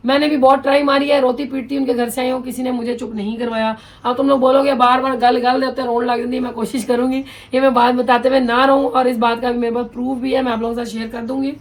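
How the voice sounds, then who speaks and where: A woman's voice: high voice, flat delivery. A woman, chatting bluntly and readily as she reads viewer comments in a home vlog. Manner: talkative, blunt, quick-tongued. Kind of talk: casual chat.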